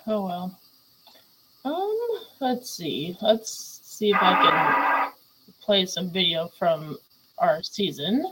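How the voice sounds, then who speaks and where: A chatty, giggly woman hosts a casual talk-show podcast, laughing often as she asks questions. Her fairly low voice is expressive and slow, with long pauses, against a noisy background.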